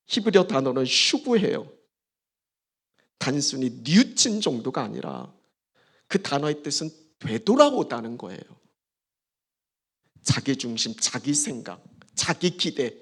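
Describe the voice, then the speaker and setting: Gravelly, animated male preacher. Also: a little high. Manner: emphatic, dramatic pauses, swings between soft and loud. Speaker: pastor. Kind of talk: sermon. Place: church service.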